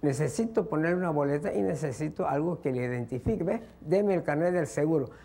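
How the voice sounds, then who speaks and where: Stern, bossy traffic inspector, male, official tone, gravelly, as a comic puts him on. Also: on the high side, a little fast, warm tone.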